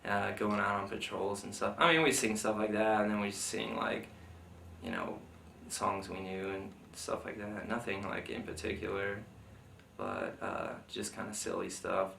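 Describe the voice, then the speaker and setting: Guy vet remembering his army days, creaky voice, rambly and informal, kinda echoey room. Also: lowish voice, expressive, normal speed, pushed and bright. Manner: rambling, informal, heavy use of "like" and "you know". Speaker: military veteran being interviewed. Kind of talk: casual recollection of military service. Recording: roomy, distant mic, faint noise.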